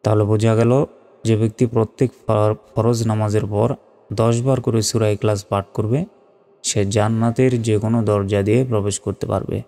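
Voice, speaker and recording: Gravelly low-voiced man teaching recitation. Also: little pitch movement, mellow, big-room sound. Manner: spells out Arabic letters and vowel marks one by one, then chants the verse slowly. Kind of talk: Quran pronunciation lesson.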